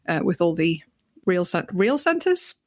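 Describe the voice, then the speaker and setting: A woman's voice: on the low side, very animated, unhurried, darkish tone, dry recording, clean studio sound. A woman from Northern Ireland chatting casually about films as a podcast co-host, wry and teasing. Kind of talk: casual film discussion.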